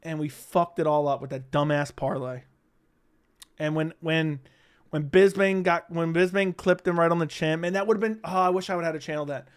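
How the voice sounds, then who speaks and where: A man's voice: fairly high pitch, steady tone, moderate pace, clear, resonant tone. A young man hosting a casual livestream, rambling and swearing freely as he answers questions from the chat. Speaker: livestream host.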